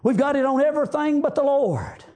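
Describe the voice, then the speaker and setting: Speaking a little fast in a very high, animated voice, a Southern US preacher delivers a fiery revival sermon. His loud exhortations are studded with shouts of praise.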